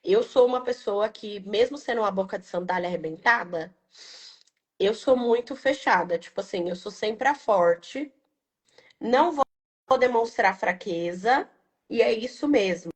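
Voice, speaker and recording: A young adult woman, a business owner, talking in a casual, reflective and emotional way, tagging her phrases with quick questions. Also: medium pitch. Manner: reflective, emotional, frequent "né" tags. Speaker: business owner interviewed about her brand. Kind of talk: casual heartfelt testimonial.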